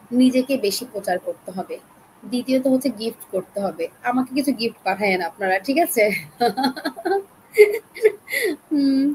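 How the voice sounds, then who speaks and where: Soft-spoken Bangladeshi woman teaching online. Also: a little high, slight background noise, low-quality recording. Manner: chatty, coaxing, talks straight to learners; speaks softly to spare her throat. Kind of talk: live online class.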